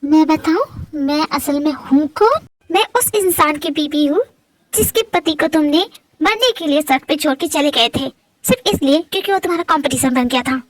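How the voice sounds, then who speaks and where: A woman's voice: high voice, lively intonation, moderate pace, low-quality recording. A woman voicing a scheming, vengeful young widow with a cool, taunting manner.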